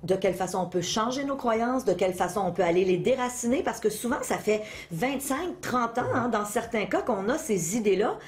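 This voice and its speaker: A woman's voice: on the high side, expressive, a little fast, hardly any pauses. Quebec French woman, conversational motivational speaker. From Quebec, Canada. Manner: didactic, addresses listeners with questions and examples. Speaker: interview guest, motivational speaker and author. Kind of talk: conversational explanation of self-help ideas.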